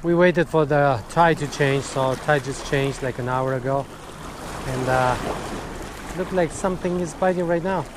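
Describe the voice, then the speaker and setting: A middle-aged man fishing off a rocky jetty at the seaside talks casually to his viewers, calling them "guys" and lighting up when a fish bites. His voice is on the high side and a little slow. Loud waves and wind fill the audio from his chest-mounted action camera near the surf.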